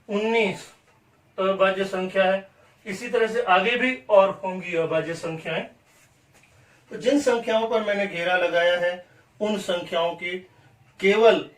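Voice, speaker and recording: Slow, high-voiced male maths teacher. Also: far from the mic. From India. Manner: repeats definitions slowly, asks and answers own questions. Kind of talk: classroom maths lesson. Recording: echoey room, voice off-mic.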